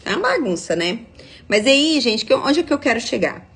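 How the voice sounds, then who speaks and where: Husky-voiced woman explaining. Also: on the high side, big pitch swings, fast, fairly bright tone. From Minas Gerais, Brazil. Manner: explanatory, checks in with frequent tag questions. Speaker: nutritionist. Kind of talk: live-stream talk reading viewer comments.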